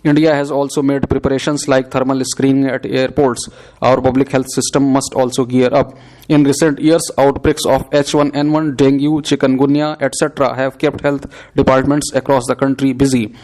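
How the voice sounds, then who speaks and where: Reading from a script for shorthand learners, a mid-range male voice dictates in a steady, measured manner.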